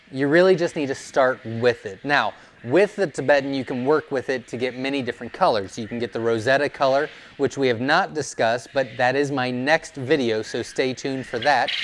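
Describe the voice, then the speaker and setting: A young man, a quail breeder, explaining his birds in an informal teaching video. He talks in a relaxed way with plenty of "um" and "uh", recorded on a lapel mic indoors. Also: mid-range voice, slight background noise. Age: young adult. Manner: relaxed, explanatory, many fillers. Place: indoors, seated before a wooden wall. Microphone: clip-on lapel mic.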